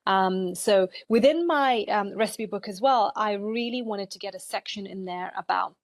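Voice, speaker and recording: A woman's voice: mid-range voice, normal speed, no echo. Chatty woman in her forties. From Zambia. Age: 40s. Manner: conversational, frequent "you know" fillers. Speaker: dietitian guest. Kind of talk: podcast interview.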